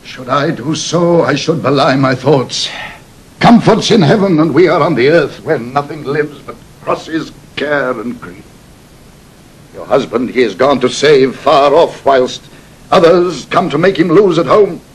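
In a classical Shakespearean radio performance, a male actor plays a careworn, aged royal duke who is flustered and bewildered. His husky British voice is fairly high-pitched and unhurried, weary and gloomy in mood, muttering hesitantly and breaking off in fluster. The recording is rough.

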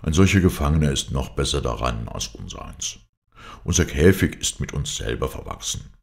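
A man voicing a melancholy, brooding man who grieves for his lost wife and son, speaking in a hoarse voice with a philosophical, mournful manner. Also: a bass voice, big pitch swings, normal speed, exaggerated voice.

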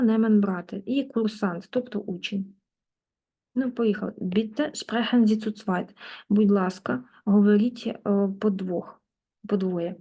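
A woman teaching German in a lesson, patiently working through exercises and repeating words slowly. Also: mid-range voice, mellow. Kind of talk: online language lesson, explaining in Ukrainian.

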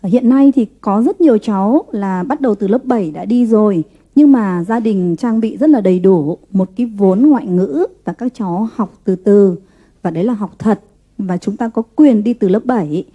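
A woman's voice: medium pitch, moderate pace, dark tone, lo-fi sound. A woman teacher and guest expert speaking emphatically on a talk show. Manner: emphatic, explanatory.

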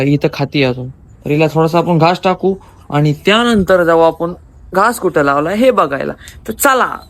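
A man's voice: fairly high pitch, a bit bright. A young man casually vlogging around his rural farm, chatting to his viewers as friends on a handheld phone. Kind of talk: casual vlog chat. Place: rural farmyard and fields, outdoors.

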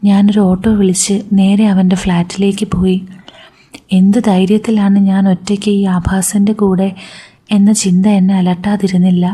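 Woman storyteller, first-person narration, subdued, husky, flat. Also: medium pitch. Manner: subdued, confessional.

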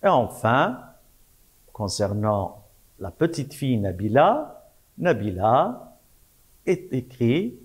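A man teaching a French lesson to young primary pupils, repeating words and spelling out syllables slowly while praising the class. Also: mid-range voice, big pitch swings. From Morocco. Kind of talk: slow, patient French lesson for young children.

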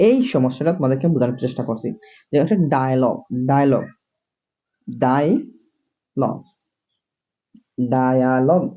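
Male tutor, lo-fi home lesson, repeats each word, keeps checking "see?". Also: mid-range voice. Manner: repetitive, drills words over and over; keeps asking "see?" to the viewer. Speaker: English teacher. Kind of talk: classroom-style video lesson. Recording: dull lo-fi recording.

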